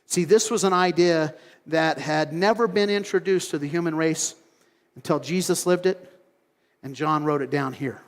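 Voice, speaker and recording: A man preaching a sermon as pastor, telling stories in an animated way and acting out other people's voices. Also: fairly high pitch, moderate pace, big-room sound. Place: church sanctuary.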